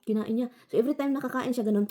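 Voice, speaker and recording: A woman from the Philippines chats quickly to her vlog viewers in a mellow, dark-toned voice. She rambles, restarts sentences and keeps calling her audience "guys". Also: on the high side. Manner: frequent self-corrections and restarts. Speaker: vlogger. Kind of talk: casual storytelling to viewers.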